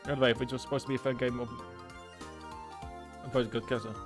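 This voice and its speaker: A man's voice: medium pitch, flat delivery, a little fast, music in the background. A man giving casual, rambling commentary while streaming a video game, often interrupting himself. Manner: chatty, rambling, self-interrupting.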